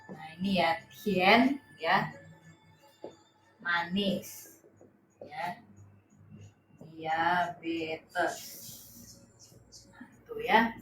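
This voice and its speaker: A young woman teaching Mandarin in a live-streamed lesson, explaining slowly and patiently, often pausing on "nah" and "ya". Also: fairly low pitch, fairly bright tone, faint music behind.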